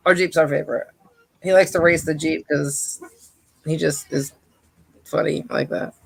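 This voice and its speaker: A woman's voice: low-pitched, steady tone, a little slow, vocal fry, breathy edge, no echo. A woman chatting casually and bluntly on a livestream from home, rambling between topics. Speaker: livestream co-host. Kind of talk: casual chat.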